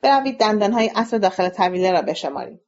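A woman's voice: mid-range voice, big pitch swings, darkish tone. A woman voicing an impatient male philosopher who argues with a crowd in a storybook reading. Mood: exasperated. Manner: impatient, short-tempered. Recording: dull lo-fi recording.

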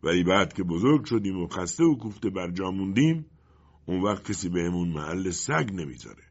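A man playing a bitter, greedy middle-aged male colonel in a storybook reading, with a husky voice and stern outbursts. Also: mid-range voice, animated, fairly bright tone, voice pushed up. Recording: dull lo-fi recording.

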